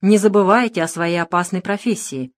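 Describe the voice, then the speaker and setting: A composed, sarcastic male detective, as a woman reader puts him on, needling his captive with unhurried mockery. The voice stays cool and even at a middle pitch. An audiobook character reading. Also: close to an everyday voice.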